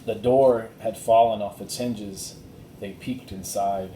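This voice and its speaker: Here a male narrator reads a children's chapter book out loud, slow and deliberate, bringing expression to the scripted text. An echoey room and faint noise with rumble color the sound.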